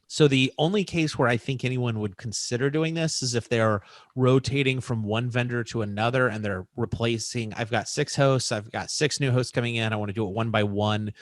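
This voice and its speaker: A man's voice: mid-range voice, moderate pace, no room sound. Chatty man explaining tech, dry sound. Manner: chatty, uses many fillers. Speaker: technical expert answering questions. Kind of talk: casual technical explainer.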